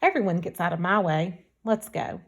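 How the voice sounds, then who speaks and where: A woman reading the part of a frank, quick-tempered blind teenage girl in an audiobook. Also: lowish voice, expressive, vocal fry. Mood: caring.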